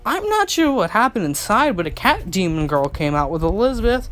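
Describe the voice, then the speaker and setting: A man's voice: sits high, very animated, brisk, fairly bright tone, pitched above the performer's own voice. A man voicing a flustered spider demon man who rambles uncertainly. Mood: rambling.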